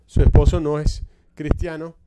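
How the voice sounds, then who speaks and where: A man's voice: fairly high pitch, flat delivery, normal speed, heavy background noise. A male pastor preaching a sermon, telling a church story with frequent restarts and repeated words.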